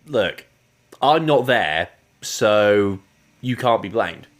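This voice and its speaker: A man's voice: lowish voice, lively intonation, extremely slow. A man co-hosting a podcast, chatting casually about an old episode and laughing easily. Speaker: podcast co-host. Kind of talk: casual review chat.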